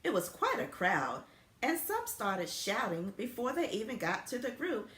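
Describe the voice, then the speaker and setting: Animated woman reading a picture book aloud. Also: mid-range voice, unhurried. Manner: expressive, animated storytelling. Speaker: school principal. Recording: echoey room.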